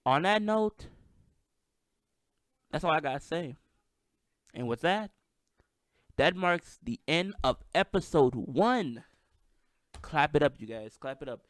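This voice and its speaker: A man's voice: fairly high pitch, expressive, takes it slowly, long pauses, dry recording, studio quality. A man with a slight lisp and a stutter, hosting a casual solo podcast, hyped and self-deprecating. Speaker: podcast host. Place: at home with microphone.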